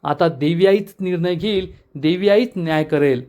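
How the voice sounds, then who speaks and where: A man's voice: high-pitched, normal speed, warm tone, close to an everyday voice. A man voicing a wronged young woman in a retold TV serial scene, who accuses her rival tearfully and with anger. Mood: angry. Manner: accusing, pleading.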